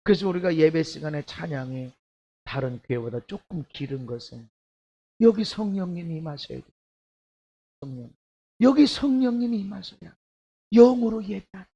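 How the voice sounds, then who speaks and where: A middle-aged male pastor preaching a sermon, dropping to quiet asides and then rising to shouted, emphatic passages. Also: animated, normal speed, gravelly, pauses often, slightly rough, lo-fi sound. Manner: swings from hushed asides to shouted, high-pitched preaching.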